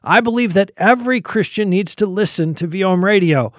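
A man's voice: high voice, a little fast, no echo. A man hosting a radio show, addressing listeners directly in a scripted, studio-recorded sign-off. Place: dry studio.

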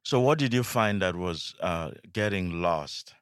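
A man's voice: low voice, expressive, a little slow, clean tone, no room sound, clean studio sound. A man hosting a podcast interview, asking questions with short agreeing interjections. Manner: warm interviewer, brief backchannels and laughs. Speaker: host.

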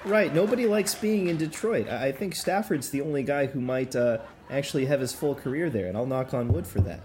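A man hosting a podcast with casual talk-show patter and a halting delivery. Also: mid-range voice, animated, a little mellow, some chatter behind, slight background noise. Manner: halting, addresses listeners as folks. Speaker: podcast host.

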